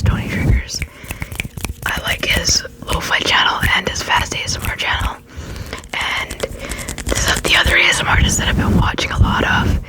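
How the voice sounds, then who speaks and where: An ASMR creator speaking in a fast, breathy whisper, often repeating short phrases while answering viewer questions. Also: rough recording.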